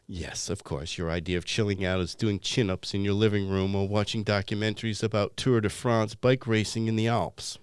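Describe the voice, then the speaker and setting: A man's voice: lowish voice, steady tone, normal speed, few pauses, clear, resonant tone, no room sound. A man with a New England accent co-hosting comedic banter, ranting with exasperation about everyday phrases. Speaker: co-host.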